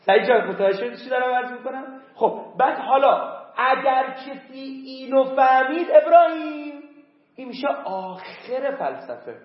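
A man's voice: very high-pitched, expressive. A man teaching a philosophy class, emphatic, repeating key words again and again to drill them into his students. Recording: echoey, dull lo-fi room recording.

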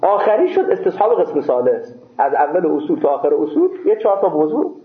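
Man in his own voice, an animated storyteller who acts out both sides of the exchange, slightly high pitch, in a reverberant room. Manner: lively retelling with quoted back-and-forth dialogue. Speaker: seminary scholar recounting his exam. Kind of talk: casual storytelling in an interview. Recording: tinny phone-like sound, echoey room.

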